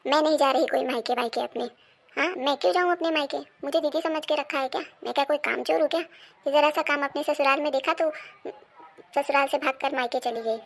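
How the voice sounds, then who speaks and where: A woman's voice: high-pitched, a little fast, creaky, fairly bright tone. A woman playing a put-upon daughter-in-law. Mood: defensive. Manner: complaining, defensive, grumbling. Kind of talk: amateur family comedy drama.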